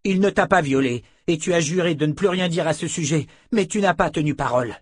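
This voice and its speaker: Man playing a furious young thug, yelling, raised pitch, husky. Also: fairly quick, no echo, clean studio sound, lightly acted. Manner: angry, shouting, accusing. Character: young hot-headed male thug.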